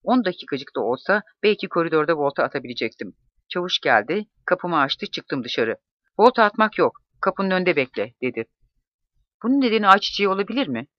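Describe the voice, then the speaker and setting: A man narrating a first-person memoir in a measured, reflective reading. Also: on the high side, dry recording. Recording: dull, dry close-mic recording.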